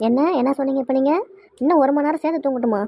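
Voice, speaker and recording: A woman voicing a bossy, quick-tempered mother in a cartoon, scolding nonstop, with a Kanyakumari Tamil accent. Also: sits high, vocal fry, warm tone, slight background noise. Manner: scolding, rapid-fire.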